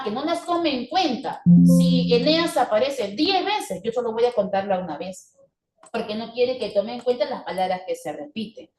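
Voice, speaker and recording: A woman's voice: a little high, a little hiss or hum. A young woman, teaching an online class in a patient, explanatory way and checking in with "¿ya?". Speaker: language teacher. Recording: echoey room, voice from far off.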